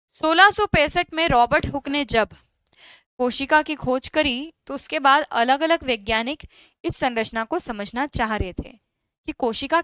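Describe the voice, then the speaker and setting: A high, bright woman teaching an online class with a smooth, clear voice. She explains in Hindi and reads English questions aloud slowly. The recording is dry and close. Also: no echo. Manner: answers student chat questions by name.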